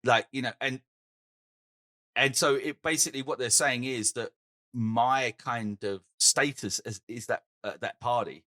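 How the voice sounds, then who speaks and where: A middle-aged man from England chats casually as a podcast co-host. His voice is bright and forward, and he talks in an animated way. The sound is dry and close. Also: mid-range voice, a little slow, dry recording. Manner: animated, swears and laughs easily. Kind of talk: casual chat.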